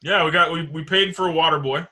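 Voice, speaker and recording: A man's voice: fairly high pitch, fairly even intonation, fast talker, sharp tone. A man hosting a casual sports talk show, rambling loosely and swearing now and then. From Canada.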